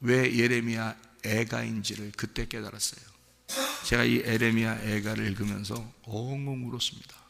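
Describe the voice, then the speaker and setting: Korean pastor guy preaching hard, gravelly bright voice, big echoey church. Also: mid-range voice. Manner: impassioned, swinging from hushed to loud. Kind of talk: sermon. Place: church sanctuary.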